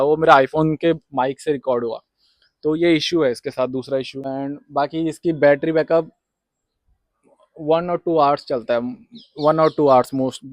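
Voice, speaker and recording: A man's voice: on the high side, dry recording. A young man in a casual unboxing vlog, rambling and repeating himself as he reviews a wireless clip-on mic, mixing English words into his talk. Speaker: vlogger reviewing a microphone. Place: rooftop outdoors and indoors. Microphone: wireless clip-on mic and phone mic.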